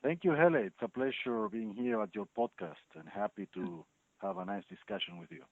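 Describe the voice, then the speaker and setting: Man, 50s, lively up-and-down pitch, gravelly, thoughtful with fillers, dry tinny phone sound. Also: no room sound. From Chile. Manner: thoughtful, with many pauses and fillers. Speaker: chief legal officer, guest. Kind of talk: interview answers.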